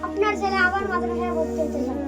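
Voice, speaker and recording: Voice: very high-pitched, racing, over music. A performer voicing an earnest, devout young man who urges his friend to return to religious study. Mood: polite. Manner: earnest, gently scolding. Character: pious young man urging a friend back to madrasa.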